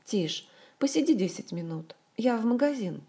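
A woman narrator voicing a tired young single mother who answers briefly and gently, in an audiobook. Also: a little high, expressive, normal speed, breathy edge. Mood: gentle.

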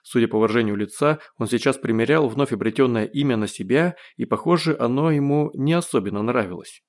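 A man narrating an audiobook with expressive, wry storytelling. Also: medium pitch, a little fast. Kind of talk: scripted narration.

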